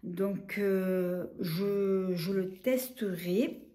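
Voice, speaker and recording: Woman, casual haul chat, slow pace, hesitant fillers. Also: medium pitch, steady tone, dark tone. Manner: hesitant, many filler sounds, unhurried. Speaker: beauty vlogger. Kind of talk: casual product haul talk.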